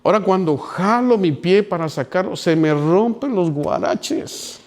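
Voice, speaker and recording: A man preaching a sermon, telling a story with sudden drops to a hush and climbs to loud pleading. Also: high voice, lively intonation, unhurried. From Mexico. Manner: dramatic storytelling with wide swings from near whispers to loud pleading. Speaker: pastor.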